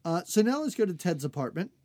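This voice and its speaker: A woman co-hosting a podcast, recapping an episode in casual chat, animated, laughing often and acting out characters' lines. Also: on the low side, quick pace, no echo. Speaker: podcast co-host.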